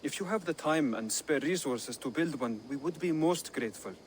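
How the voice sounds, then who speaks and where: An actor, lightly acting, voices an earnest young assassin in a video game cutscene, explaining his creed in a formal, solemn and fervent way. His voice is a little high and animated at a moderate pace, with a little hiss or hum on the recording.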